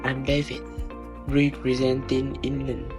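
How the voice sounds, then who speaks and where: A polite young male tourist, played by a student in a school project skit. He speaks slowly and carefully, at a middle pitch, with clear music behind. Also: completely flat delivery, lightly acted. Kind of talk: student skit role-play. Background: background music.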